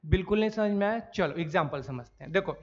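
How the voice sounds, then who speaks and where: A man's voice: sits high, lively intonation, fast. A man teaching a maths lesson, asking and answering his own questions and often repeating key points. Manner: calls students "sir", "bhai". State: coughing now and then. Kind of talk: classroom lecture. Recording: dull lo-fi recording.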